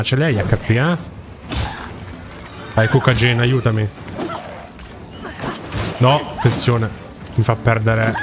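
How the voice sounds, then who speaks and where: Excitable man commenting on gameplay. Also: mid-range voice. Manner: excitable, talks to the game and its characters. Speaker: gaming YouTuber. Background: game music.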